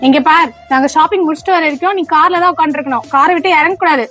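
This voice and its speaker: A woman's voice: high voice, racing, over music, lightly acted. A woman playing a bossy, fretful stepmother in a comedy skit, scolding sharply and calling out in a panic. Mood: stern. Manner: scolding, then frantic calling out.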